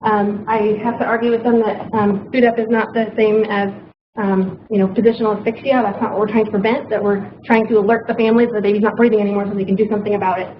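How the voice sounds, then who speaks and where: A woman's voice: mid-range voice, level tone, quick pace. A woman doctor speaking at a conference, hesitant, with frequent ums as she shares clinical lessons. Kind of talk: conference talk. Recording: muffled, noisy hall recording.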